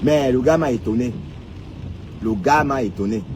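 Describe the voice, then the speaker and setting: A Cameroonian man with a Cameroonian French accent teasingly rants at viewers during a casual live stream, his mockery peppered with "hein." He speaks at normal speed in a mid-range voice over a noisy background.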